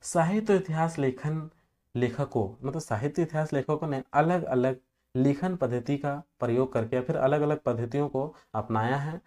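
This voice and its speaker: A man's voice: medium pitch, moderate pace, a little mellow. A male teacher explaining exam material in an easygoing, talky manner. He fills his sentences with filler phrases and reaches for everyday examples to make points land. Now and then he trips over a technical term and corrects himself. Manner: loose conversational explaining with homely examples; filler-heavy, repeats "जो है" often. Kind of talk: exam-prep lecture.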